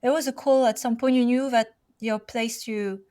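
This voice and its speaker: A woman's voice: on the high side, steady tone, normal speed, warm tone. A woman hosting a podcast interview, asking curious, winding questions. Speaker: podcast host.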